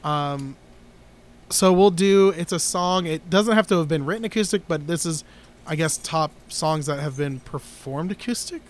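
A man with a fairly high voice co-hosts a guitar podcast, chatting casually at a moderate pace. His talk is rambling and opinionated, with many restarts.

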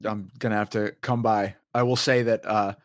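A man's voice: fairly low pitch, fairly even intonation, moderate pace, dry recording, studio quality. A man hosting a casual podcast panel in an easygoing, self-deprecating way, with plenty of fillers. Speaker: podcast host.

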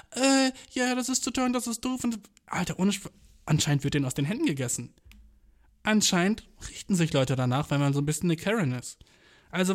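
A young man tells a story to the camera in a loose, chatty way, wandering off track and swearing freely. His voice sits a little high for a man. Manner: slangy and digressive, peppered with swearing. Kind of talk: casual storytelling.

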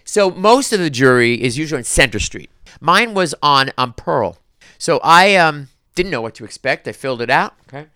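A male podcast host tells stories in a lively, conversational way, stumbling over and repeating words as he goes. His voice is somewhat high and very bright. The sound is close and dry, with no room echo. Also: clear, resonant tone. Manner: animated, quick restarts and repeated words. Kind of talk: casual storytelling chat.

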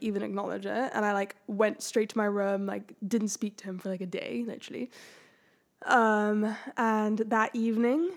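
A young woman hosting a podcast, chatting casually and telling animated stories full of fillers. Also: mid-range voice. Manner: animated storytelling, many fillers. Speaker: podcast host. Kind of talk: casual chat.

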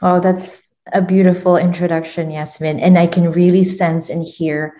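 A woman's voice: on the low side, flat delivery, normal speed. A woman hosting a podcast interview, introducing her guest formally and asking follow-up questions. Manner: warm formal hosting, frequent backchannel mm-hmms. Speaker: podcast host.

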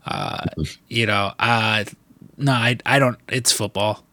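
His voice is fairly low, pushed and bright, with fairly even intonation and a slow pace. A podcast host from the US Midwest, he's a little congested with the sniffles and keeps the casual chat loose, profane and full of fillers.

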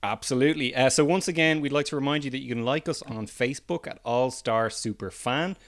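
A man's voice: mid-range voice, fairly quick. A man, hosting a podcast and welcoming listeners and guests in a presenter's style. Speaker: podcast host. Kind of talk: podcast introduction and interviewing.

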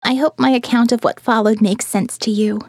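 A woman with a fairly high voice narrates a first-person diary as an audiobook, sounding expressive and reflective with a wry edge. She reads at a moderate pace into a close studio mic, so the sound is dry, with no echo or room sound.

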